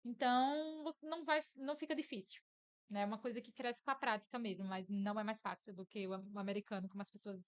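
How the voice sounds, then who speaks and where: A woman's voice: fairly high pitch, fairly even intonation, fast, highs cut off. A woman English teacher explaining pronunciation in a casual, chatty lesson, with frequent questioning asides.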